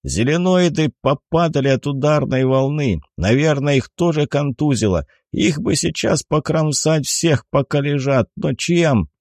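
A man reading an audiobook voices a dazed, concussed male driver speaking loudly and groggily. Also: on the high side, animated, a little slow, hardly any pauses, dry recording, clean studio sound, pitched above the performer's own voice. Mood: groggy. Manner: loud, groggy.

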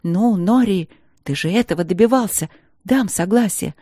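Woman doing a furious shouting princess. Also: mid-range voice, lively intonation, normal speed, no echo, studio quality, voice pushed up, close to an everyday voice. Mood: bitter. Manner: raised, shouting, bitter. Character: furious, desperate young princess.

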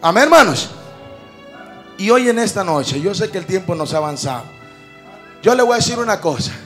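Male preacher, high voice, faint music underneath, sermon that builds to shouting. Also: normal speed. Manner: swells from calm storytelling to shouted exhortation; calls the congregation brothers often.

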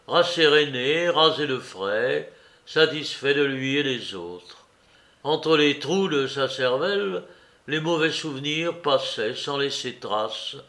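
A man reading a classic novel aloud as audiobook narration, measured and expressive. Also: mid-range voice. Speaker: audiobook reader.

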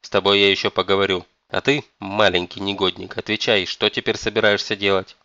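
A man's voice: lowish voice, level tone, brisk, bright, forceful tone, dry recording, highs cut off. A man voicing a stern, domineering elderly grandmother who scolds and commands. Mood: scolding.

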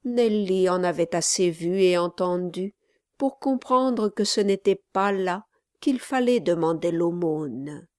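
A French woman narrating a classic novel as an audiobook, calm and measured. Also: fairly low pitch, no echo, clean studio sound. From France. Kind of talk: scripted narration.

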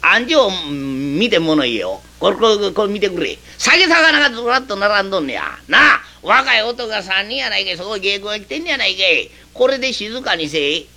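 A man's voice: high voice, very animated, brisk, creaky, hardly any pauses, voice pushed up, exaggerated voice. A man voicing a boastful, rowdy young traveler with a Kansai accent, partying at an inn in a comic storytelling performance. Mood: indignant. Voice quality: loud, brash, threatening. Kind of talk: Kamigata rakugo storytelling.

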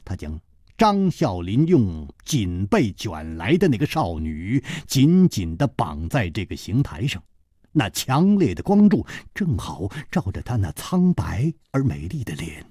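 A middle-aged man narrating a martial-arts tale in traditional Chinese storytelling style, slow and dramatic. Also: fairly low pitch, wildly swooping pitch, warm tone, slightly rough, no echo, clean studio sound. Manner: slow, dramatic, varied delivery.

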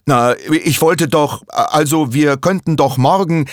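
A man's voice: on the high side, takes it slowly, dry recording, studio quality, voice pushed up. A man voicing an annoyed father who protests and stammers in a read-aloud storybook. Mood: flustered. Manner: flustered, protesting.

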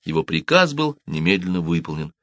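Low-voiced man narrating dramatically. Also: a little fast, dry recording. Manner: dramatic, animated reading. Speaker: audiobook narrator. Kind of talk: expressive audiobook narration.

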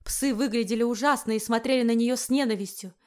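Woman reading fantasy audiobook, slightly high voice, steady and expressive. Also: fast talker. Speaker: audiobook narrator. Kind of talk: scripted fantasy narration.

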